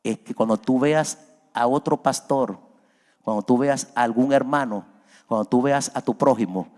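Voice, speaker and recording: A man preaching a sermon as a pastor, his voice climbing high and loud as he acts out pleas. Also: normal speed. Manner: preaching, voice rises high and loud when acting out Peter's plea. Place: church hall. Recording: long reverb of a large church.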